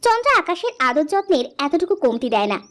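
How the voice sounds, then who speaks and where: A woman narrating a cartoon story in a plain, steady storybook style. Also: extremely high pitch, fast talker.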